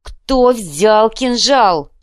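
A skinny young man losing control, yelling accusations in shrill, frantic bursts, put on by a woman reading an audiobook. The voice sits low but strains upward when it shouts, and the recording is close and dry. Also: lively intonation, takes it slowly, no room sound. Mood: frantic shouting. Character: furious panicked young man, skinny and hysterical. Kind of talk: audiobook character voice.

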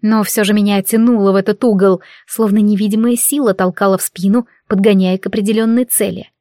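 A woman's voice: mid-range voice, fairly even intonation, a little fast, mellow, no room sound. Woman reading a novel aloud, dry sound. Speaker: audiobook narrator. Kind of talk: first-person novel narration.

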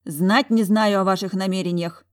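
Woman doing a fiery young girl in an audiobook, huffy and loud, pitched way up. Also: lively intonation, a little fast, natural voice. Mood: indignant. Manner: huffy, loud protesting outbursts. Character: fiery indignant young woman, quick-tempered. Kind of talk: audiobook character voice.

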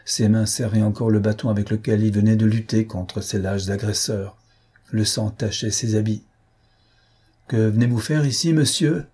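Guy reading an old novel aloud, dark husky voice, steady pace. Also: lowish voice, normal speed. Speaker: audiobook reader. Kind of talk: scripted narration of a novel.

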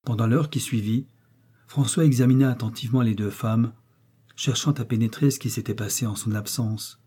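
A man reading a classic novel aloud as an audiobook narrator, in a measured, even storytelling manner. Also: medium pitch, breathy edge. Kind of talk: scripted literary narration.

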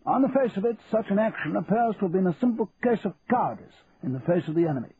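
A man voicing a stern older army colonel who speaks formally and deliberately. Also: sits high, sing-song, voice pushed up. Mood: formal, probing. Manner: measured, formal, officer's clipped diction. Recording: tinny phone-like, faint hiss.

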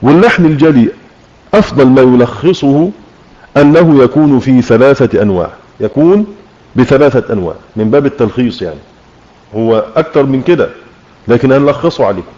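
A man's voice: mid-range voice, lively intonation, mellow. Egyptian man teaching Quran recitation. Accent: Egyptian Arabic. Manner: explains with questions to listeners, slows to demonstrate recitation. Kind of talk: religious lesson on tajweed. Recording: muffled lo-fi online audio room.

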